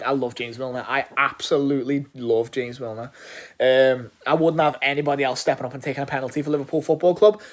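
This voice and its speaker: A man from England giving an enthusiastic, rambling match reaction, swearing often and restarting his sentences. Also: a little high. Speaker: football fan reviewing a match. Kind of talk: casual post-match reaction.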